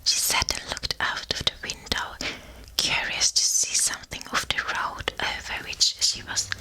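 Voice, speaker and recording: A woman whispering a storybook aloud for ASMR, slow and deliberate, very close to a binaural ear microphone. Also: sharp tone, poor audio. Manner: whispering throughout, unvoiced. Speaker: ASMR reader.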